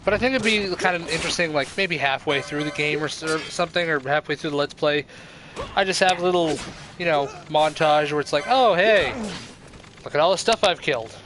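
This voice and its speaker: A man's voice: fairly high pitch, fairly quick, over music. A young man casually commenting while streaming a game, chatty and irreverent, swearing offhandedly. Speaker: let's play streamer.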